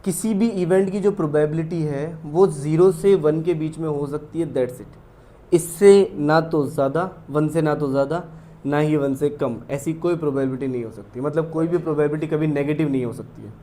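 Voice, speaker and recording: A man with an Indian accent teaching a maths lesson. He explains step by step, reads English definitions slowly and keeps asking his students if it is clear. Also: fairly high pitch, dark tone. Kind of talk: classroom lecture mixing Hindi and English.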